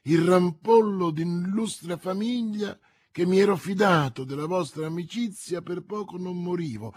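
A man's voice: high voice, unhurried, a little mellow, no echo, studio quality, pitched above the performer's own voice. A man voicing a vain, boastful musketeer who declaims grandly and pities himself. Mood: indignant boasting. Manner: pompous, theatrical declaiming.

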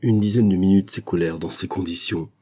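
A man reading a classic adventure novel aloud in steady, measured scripted narration. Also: low-pitched. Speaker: audiobook narrator.

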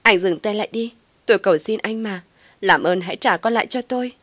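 A woman's voice: medium pitch, a little fast, a bit bright, no room sound, voice pushed up, lightly acted. A woman voicing a desperate young mother who pleads in a raised, strained voice. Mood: pleading.

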